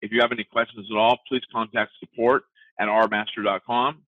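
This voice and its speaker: A man giving a casual, step-by-step software walkthrough in a webinar. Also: on the low side, flat delivery, fairly quick, no room sound, phone-quality sound. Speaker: software trainer.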